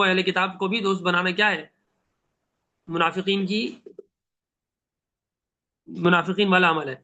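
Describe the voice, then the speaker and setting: A man teaching a Quran translation class, reciting Arabic verses slowly and then explaining them with questions he answers himself. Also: sits high, bright, forceful tone.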